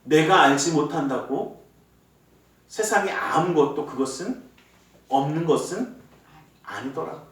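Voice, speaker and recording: Korean pastor preaching in an echoey hall. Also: male voice, on the high side, animated, measured pace, pauses often. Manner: earnest, rising to fervent calls in prayer. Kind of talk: sermon and prayer. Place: church sanctuary. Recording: very echoey church hall, from far off.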